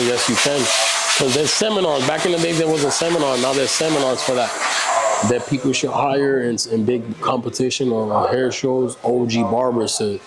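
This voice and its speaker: A Puerto Rican man in his thirties, a native Spanish speaker, talks casually in a medium-pitched voice as a barber being interviewed. He rambles and often says "you know", and there is heavy background noise.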